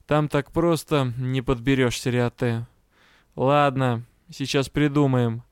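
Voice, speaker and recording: A man's voice: medium pitch, steady tone, slow pace, clean tone, no room sound, lightly acted. A man voicing a sardonic male lord and master of death magic with a dry, mocking manner.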